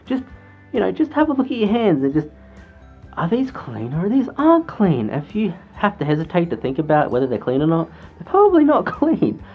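A man's voice: sits high, wildly swooping pitch, brisk, slightly rough. Man, muffled through a fursuit head, earnest lecturing vlog, dull lo-fi sound. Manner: chatty, earnest, lecturing with restarts. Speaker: fursuit vlogger. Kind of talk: casual advice vlog. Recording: dull lo-fi sound with faint music.

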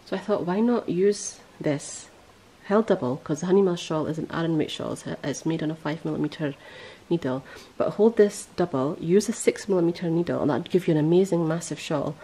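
A woman chatting casually as a podcast host, her voice slightly hoarse and husky. She talks in a low, mellow register. She rambles along and often corrects herself mid-sentence. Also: a little fast, hardly any pauses, low-quality recording. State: voice going hoarse.

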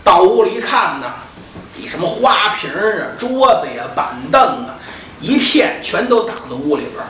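一位带北京口音的男说书人，在书馆里说单口相声，讲得活泼，时常喊着演对话。. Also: male voice, sits high, moderate pace. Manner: lively, acts out dialogue with shouts. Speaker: storyteller. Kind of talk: traditional solo comic storytelling. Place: storytelling hall. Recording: echoey distant hall, faint noise.

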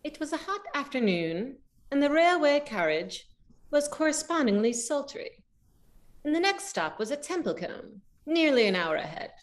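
A woman narrating a story aloud in a measured, expressive way. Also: sits high.

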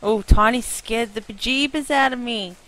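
A woman's voice: fairly high pitch, normal speed, fairly bright tone. A woman, chatting casually and using slang as she plays a game. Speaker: gamer, co-player. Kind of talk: casual chat during gameplay.

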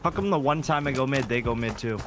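A young man giving excited, incredulous gameplay commentary and banter. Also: mid-range voice, quick pace. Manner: exclamatory, incredulous reactions. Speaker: gamer. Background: music, game gunfire.

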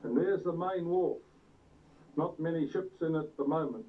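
A man narrating his own home video footage on an old VHS tape, unhurried, pointing out sights like a tour guide. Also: on the high side. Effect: old VHS tape sound. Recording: tinny, distant, hissy old camcorder tape.

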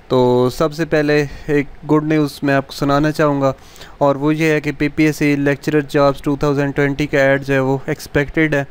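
Guy going over a math syllabus, monotone, rattles through then reads english topics out slow. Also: mid-range voice, clean tone. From Pakistan. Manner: rapid Urdu-Hindi talk with English terms read slowly as a list; repeats filler "jo hai vo" often. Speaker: YouTube channel host, exam-prep teacher. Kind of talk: fast spoken syllabus walkthrough.

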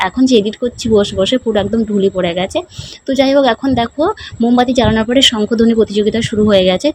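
A woman's voice: mid-range voice, darkish tone, a little hiss or hum, low-quality recording. A young woman vlogger chatting casually about her day, with many fillers, her voice strained from announcing. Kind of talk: casual vlog narration.

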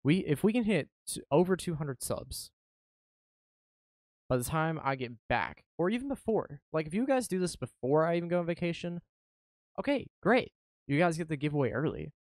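A man's voice: on the high side, sing-song, moderate pace, darkish tone, no echo. A man chatting casually to his channel's viewers, eager and rambling, often restarting his sentences. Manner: eager, rambling, self-correcting. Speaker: YouTuber. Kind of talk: casual vlog chat.

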